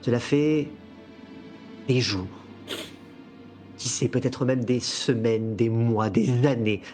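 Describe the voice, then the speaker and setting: A man works as game master, telling a tabletop fantasy story. His voice is medium in pitch and theatrical, unfolding slowly and deliberately over soft music. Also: fairly even intonation. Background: soft music bed.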